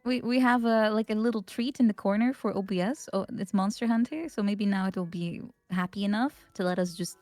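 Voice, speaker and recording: A woman's voice: mid-range voice, a little fast, few pauses, darkish tone, dry recording, soft background music. A woman hosting a casual chat stream, laughing often and restarting her sentences. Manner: giggly, with many laughs and restarts. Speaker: host.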